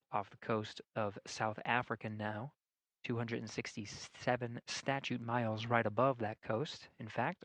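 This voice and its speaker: A man giving measured, formal live broadcast commentary from mission control, explaining as he goes. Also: mid-range voice, fairly bright tone, no room sound, rough recording.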